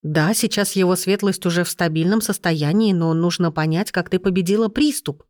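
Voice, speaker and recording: An audiobook reader voicing an earnest young male healer who instructs calmly and firmly, a little lower than the narration. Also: brisk, no echo, studio quality, natural voice. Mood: stern. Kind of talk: audiobook character voice.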